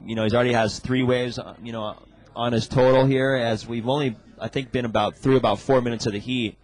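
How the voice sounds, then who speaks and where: A man giving live colour commentary as a surf contest announcer, casual and halting, peppering his talk with filler phrases. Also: medium pitch, fairly even intonation, darkish tone, low-quality recording. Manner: halting, casual, frequent "you know" and "man".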